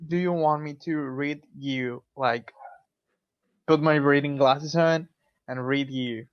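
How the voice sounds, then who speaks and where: A man's voice: on the high side, fairly even intonation, slow, clean tone. A man chatting with strangers online, hesitant, puzzled and polite. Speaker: video chat stranger. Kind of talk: casual chat. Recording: dull video chat audio.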